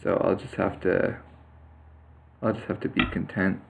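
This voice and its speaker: Low gravelly guy slowly talking thru his go game, lots of uhs. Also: little pitch movement, dull audio, a little hiss or hum. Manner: thinking aloud, hesitant, many fillers and restarts. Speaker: player commenting live on his own Go game. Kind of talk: casual live game commentary. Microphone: computer mic on a screen capture.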